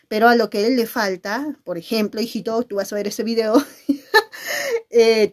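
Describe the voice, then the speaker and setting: A middle-aged woman teacher giving a video lesson, talking expressively and often checking in with her listeners. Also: medium pitch. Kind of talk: video lesson on nonverbal communication.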